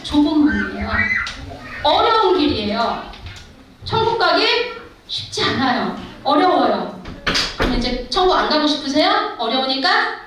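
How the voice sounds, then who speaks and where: High, animated woman preaching in an echoey hall. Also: unhurried, noisy background. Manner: emphatic, exhorting, addresses the congregation directly. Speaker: missionary preacher. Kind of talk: testimony sermon at a church revival. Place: church sanctuary. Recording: echoey hall, far from the mic.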